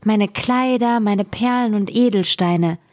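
A woman voicing a young, spoiled fairy-tale princess who speaks in a high, plaintive voice. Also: a little slow, darkish tone, close to an everyday voice.

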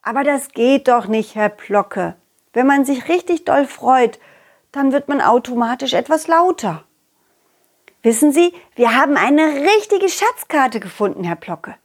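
A puppeteer and storyteller voices a confident, loyal young dog hero, speaking in a high, excitable tone a little slowly as she narrates a children's audio play to her listeners. She sounds indignant and pleading, yet keeps the animated, giggly, childlike enthusiasm.

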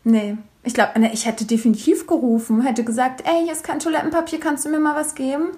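A woman's voice: high voice, fairly even intonation, a little fast, dark tone. A young woman, co-hosting a podcast in casual chat and telling a funny story, acting out the quotes with big jumps in her voice. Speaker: podcast co-host.

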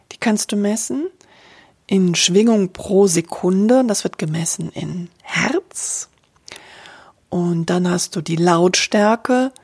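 A woman teaches about the voice in a calm, explanatory way, addressing the listener directly as a coach would. Her tone is soft and breathy, sitting at an ordinary middle pitch. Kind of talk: spoken voice lesson.

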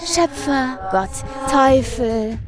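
A woman voicing a sadistic, condescending shadow entity in a horror story reading, speaking slowly and menacingly. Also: sits high, steady tone, soft background music, pitched above the performer's own voice. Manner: slow, drawn-out, menacing delivery.

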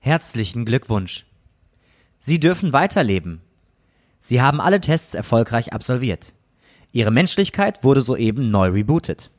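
A man voicing a cold, sinister male game master villain with solemn, measured pronouncements. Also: mid-range voice, sing-song. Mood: menacing. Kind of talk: scripted villain narration.

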